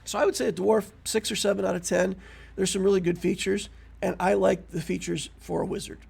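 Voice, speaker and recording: High-pitched, heavily gravelly man. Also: fairly quick, soft background music. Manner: relaxed and conversational with frequent fillers. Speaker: tabletop game build creator. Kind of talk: casual explanatory walkthrough.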